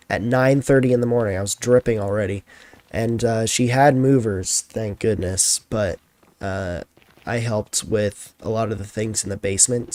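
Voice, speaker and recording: A man's voice: lowish voice, darkish tone, no room sound. A tired young man chatting casually as a streamer, telling a rambling story full of fillers.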